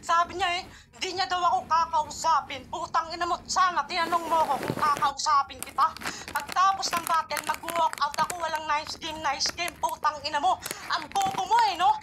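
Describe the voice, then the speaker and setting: A woman's voice: sits high, pushed and bright, a little hiss or hum. A woman with an Ilonggo accent rapping in an online battle, aggressive and full of insults. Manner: aggressive, insult-heavy, rapid. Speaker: battle rapper.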